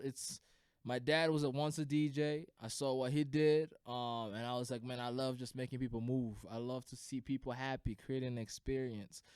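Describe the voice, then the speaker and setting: A man's voice: medium pitch, a little mellow, clear, resonant tone, no room sound, studio quality. A young man from Burundi, a guest DJ, talking in a laid-back, slangy way with plenty of "man" and "you know.". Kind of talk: casual podcast interview.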